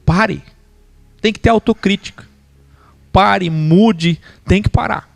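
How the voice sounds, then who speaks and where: Gravelly Brazilian man teaching animatedly. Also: high voice, takes it slowly, dry recording. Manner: animated, mimics preaching voices. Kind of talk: lecture with mimicry.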